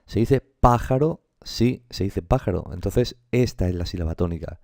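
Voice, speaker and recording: A man's voice: low-pitched, normal speed, dark tone, no echo, studio quality. A man teaching a language class, explaining step by step and stretching out example words to show the stressed syllable. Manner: patient, explains step by step with frequent "¿vale?".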